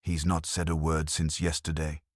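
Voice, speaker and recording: A man's voice: very deep voice, completely flat delivery, normal speed, no room sound, clean studio sound. A man voicing a drowsy young village constable in an audiobook, muttering.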